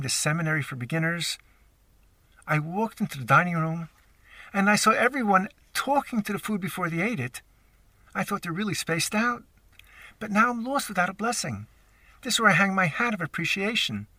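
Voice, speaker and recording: A man's voice: on the high side, pushed and bright, no room sound, distant mic. A man giving a storytelling talk as a rabbi speaker, dramatic and playful with big words.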